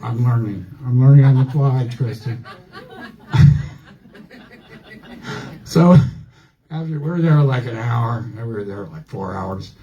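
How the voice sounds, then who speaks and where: A man's voice: mid-range voice, a little slow, pauses often, crowd noise. An older man doing a stand-up set on a comedy club stage with a handheld mic, telling rambling, self-deprecating stories. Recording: dull lo-fi club recording.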